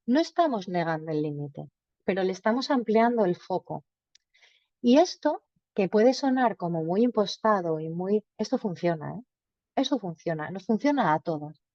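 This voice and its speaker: Woman psychologist, mellow. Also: on the low side, no room sound, lo-fi sound. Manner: warm, explanatory, acts out short dialogues. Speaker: psychologist giving a parenting talk. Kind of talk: informal lecture to parents.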